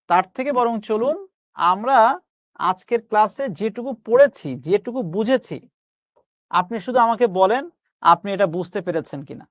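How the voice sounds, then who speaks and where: A man's voice: very high voice, fairly bright tone, no echo. A man teaching a pronunciation class online, reassuring his students and slipping English phrases into his lecture.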